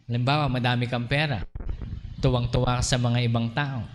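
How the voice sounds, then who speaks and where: A Filipino man preaching a sermon as pastor, switching between Tagalog and English, slowing down for scripture and acting out his listeners' voices. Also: mid-range voice, little pitch movement, a little hiss or hum. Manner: mixes English into Tagalog, slows for scripture, acts out congregants' voices. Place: church hall. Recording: reverberant hall, faint ambience.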